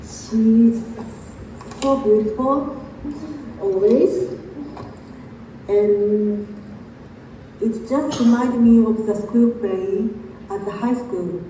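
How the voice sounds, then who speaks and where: A woman in her forties with a Japanese accent giving a slow, careful tribute, pausing between phrases. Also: fairly high pitch, mellow, heavy reverb, recorded from a distance, slight background noise, rough recording. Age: 40s. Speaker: memorial video speaker.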